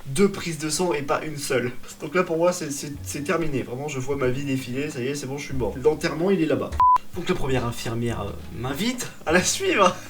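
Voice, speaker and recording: A man's voice: fairly high pitch, a little fast, very noisy. A young man telling a personal story in a comic vlog style, dramatic, exaggerated and self-mocking. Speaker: vlogger.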